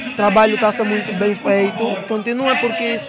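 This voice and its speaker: Young male interviewee, high voice, formal phrasing, echoey sound. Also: level tone, a little fast. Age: young adult. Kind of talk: on-camera interview. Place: outdoor venue at night. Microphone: handheld reporter microphone. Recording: echoey, loud crowd behind.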